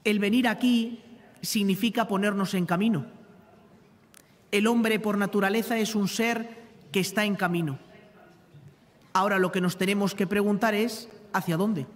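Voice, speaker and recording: High-pitched priest, long echo. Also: male voice, fairly even intonation, moderate pace, pauses often. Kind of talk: homily. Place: large open chapel, lectern microphone. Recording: long reverberant chapel echo.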